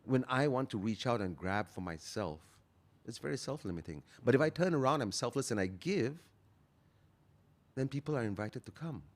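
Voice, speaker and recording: A man in his fifties speaks as an interview guest, with a lively, swinging pitch line. He talks earnestly and leans into key phrases, drawing them out for weight. His pitch sits in an ordinary middle register. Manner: earnest, emphatic, slows down to stress key phrases. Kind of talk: motivational interview talk.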